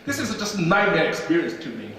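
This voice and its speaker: A man's voice: on the high side, quick pace, far from the mic. A young man from China with a Chinese accent, performing stand-up comedy on a theater stage and acting out the people in his stories. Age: young adult. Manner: animated storytelling, acts out other people. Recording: echoey theater hall from afar.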